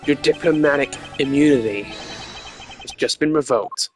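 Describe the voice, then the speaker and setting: A man's voice: medium pitch, measured pace, faint music behind, natural voice. A man voicing a confident, swaggering Interpol agent in a video game, with a casual, cocky delivery. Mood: triumphant. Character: confident, swaggering male Interpol agent, proverb-quoting detective.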